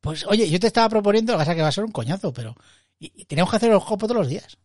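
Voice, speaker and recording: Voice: medium pitch, expressive, rapid-fire, a little mellow, dry recording, studio quality. A co-host with a Spain Spanish accent in casual podcast chat, blunt, swearing freely and often tacking on "tío".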